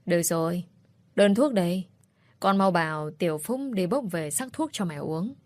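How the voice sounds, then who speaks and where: A woman voicing a kindly older village healer who calmly reassures a young woman. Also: on the low side, normal speed, dry recording, close to an everyday voice.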